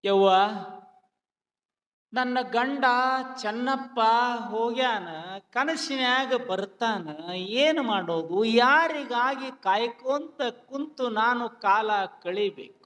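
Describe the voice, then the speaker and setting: A man's voice: very high voice, lively intonation, slow, fairly bright tone, heavily acted. A man voicing a despairing young widow in a folk drama recitation, lamenting in a North Karnataka accent. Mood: grieving. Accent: North Karnataka Kannada. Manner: lamenting, pleading sing-song delivery. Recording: long hall reverb.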